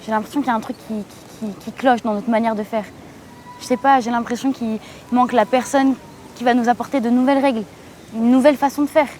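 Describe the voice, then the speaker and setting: Over clear location noise, a young woman in her twenties played by an actress speaks as a brash, ambitious recruiter. She is insistent and boastful, talking in casual slang in naturalistic web-drama style. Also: fairly high pitch, steady tone, quick pace, a little mellow, natural voice. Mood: eager, curious. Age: 20s. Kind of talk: naturalistic screen drama dialogue. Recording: clearly noisy location recording.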